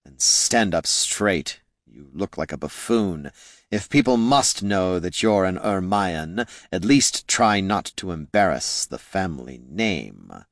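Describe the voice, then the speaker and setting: A man voicing an undead male lich wizard, speaking slowly in a hollow, scornful, condescending way. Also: deep voice, very animated, no room sound, clean studio sound, full character voice. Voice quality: hollow, slow and drawn-out. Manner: condescending, dryly mocking.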